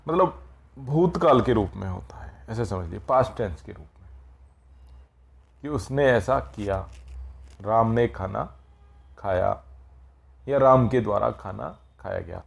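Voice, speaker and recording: A man teaches a classroom grammar lesson at an unhurried, deliberate pace. His voice has a gravelly, creaky edge, and he explains patiently, stopping often to check that his students follow. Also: medium pitch. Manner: patient, explains step by step with frequent "ठीक है" checks. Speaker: Sanskrit teacher.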